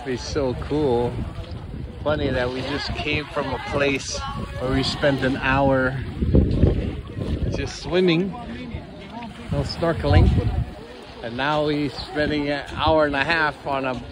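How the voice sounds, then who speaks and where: A man's voice: medium pitch, steady tone, takes it slowly, long pauses. A man narrating a walking tour of a beach for his travel vlog, easygoing and chuckling, marveling at the view. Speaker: travel vlogger. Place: outdoors on a tropical beach. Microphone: phone camera held while walking. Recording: outdoor wind and water noise.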